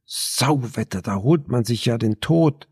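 A man voicing a blunt, practical young woman in an audiobook, brisk and scolding toward her friend. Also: mid-range voice, animated, darkish tone, slightly rough.

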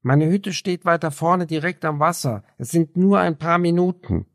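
A man voicing a hoarse, lonely young man with a rasping, gull-like diction in an audiobook. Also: on the high side, normal speed, no echo, studio quality, voice pushed up, lightly acted. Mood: eager.

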